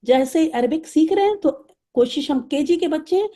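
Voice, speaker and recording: A woman teaching an Arabic lesson, patient and repeating each word slowly, with English terms in her explanation. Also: sits high, lively intonation, mellow. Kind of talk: online lesson, explaining vocabulary.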